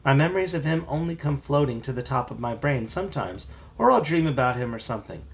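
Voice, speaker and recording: A man reading a children's novel aloud with an expressive delivery. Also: mid-range voice, fast talker, gravelly, lo-fi sound, slight background noise. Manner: animated, expressive. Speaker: storybook reader.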